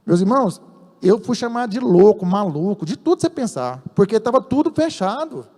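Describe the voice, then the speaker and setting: High-voiced Brazilian preacher in reverb. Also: male voice, sing-song, fairly quick, mellow. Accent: Brazilian Portuguese. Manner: storytelling preacher, acts out dialogue, emphatic. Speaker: church elder preaching. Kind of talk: sermon.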